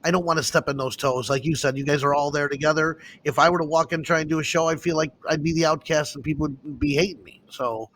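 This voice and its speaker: A man hosting a casual talk show, chatting and telling stories in an excitable, animated way. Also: on the high side, fast, hardly any pauses, slight background noise. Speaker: host. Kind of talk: casual chat.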